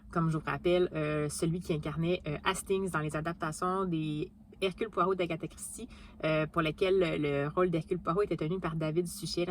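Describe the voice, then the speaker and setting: A book vlogger with a Québécois French accent chats casually about her reading, full of fillers and restarts. Her pitch is fairly low, and there's slight background noise.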